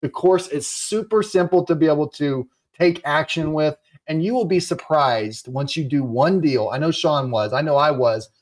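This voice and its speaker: Man, fairly high voice, real estate coach, urgent sales pitch, encouraging. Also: normal speed, hardly any pauses. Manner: urgent, encouraging, repeats phrases.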